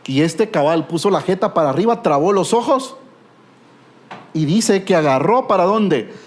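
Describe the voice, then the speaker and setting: Animated Guatemalan preacher, fairly high voice. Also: male voice. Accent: Guatemalan Spanish. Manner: animated storytelling with rhetorical questions and humor. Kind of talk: sermon.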